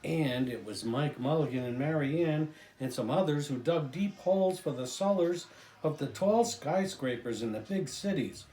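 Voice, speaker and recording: A grandfather reads a children's story in a soft, mellow voice, his pitch rising and falling expressively as he stretches key phrases. He keeps a moderate pace with lively intonation, while soft music plays and the room gives a noticeable echo.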